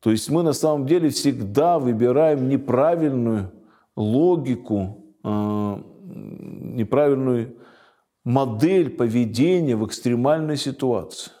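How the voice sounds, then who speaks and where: Man, religious teacher, reflective commentary, mellow dark tone, hesitant pauses. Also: mid-range voice. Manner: thoughtful, pauses with hesitation sounds. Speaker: religious teacher reading a book aloud. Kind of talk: reading with spiritual commentary.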